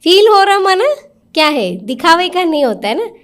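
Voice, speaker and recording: A woman's voice: extremely high pitch, very animated, moderate pace, fairly bright tone. A woman giving an interactive spiritual talk to a live audience in a meditation centre hall, questioning people directly in a coaxing, conversational way.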